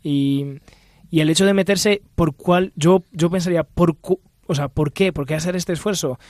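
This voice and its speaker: A man's voice: a little high, moderate pace, darkish tone, no echo, studio quality. A man from Italy speaking Spanish, a religious guest on radio, thinking aloud and searching for his words.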